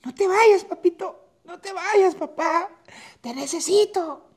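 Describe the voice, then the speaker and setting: A wailing little boy. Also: slow pace. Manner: wailing, high-pitched pleading. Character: sobbing little boy begging his dead father.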